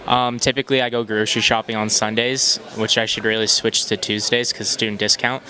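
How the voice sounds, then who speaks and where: A man's voice: lowish voice, flat delivery, brisk, bright, forceful tone, soft background music, rough recording. A man of twenty-one giving casual, slightly hesitant answers in an interview. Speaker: student interviewee.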